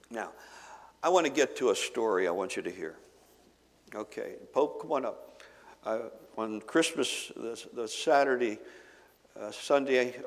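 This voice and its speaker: A male pastor preaches in a big church hall, his voice carrying a long reverb. He tells a Bible story with lively storytelling, slipping into the characters' lines. His pitch sits in a middle range. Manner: animated storytelling, acting out dialogue. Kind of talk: sermon. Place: church sanctuary.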